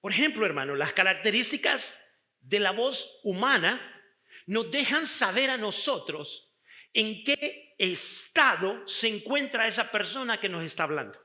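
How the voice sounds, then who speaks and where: A middle-aged male pastor preaching a sermon, emphatic and drawn out, with sudden shifts in loudness. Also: sits high, very animated, measured pace.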